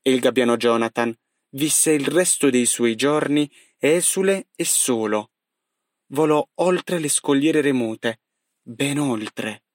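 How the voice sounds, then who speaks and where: A man reading a passage from a book aloud in a steady, earnest storytelling manner. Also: medium pitch, slow pace, no room sound, clean studio sound. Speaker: reader.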